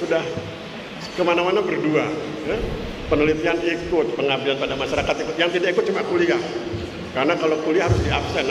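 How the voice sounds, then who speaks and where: A man in his sixties, a university lecturer giving a motivational religious talk in a mosque, chatty and joking as he keeps checking in with his listeners. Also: fairly high pitch. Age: 60s. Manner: chatty and joking, often checking in with the audience with 'ya?'. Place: mosque hall. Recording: echoey hall with background noise.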